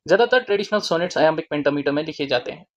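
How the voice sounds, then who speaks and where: A teacher explaining a literature topic in a deliberate lesson, spelling out key terms word by word. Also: medium pitch, expressive, highs cut off.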